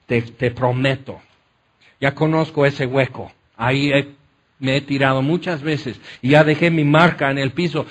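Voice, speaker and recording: Animated preacher, high voice. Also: male voice, a little hiss or hum. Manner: animated, acts out scenes, frequent "¿ok?" check-ins. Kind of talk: conversational sermon.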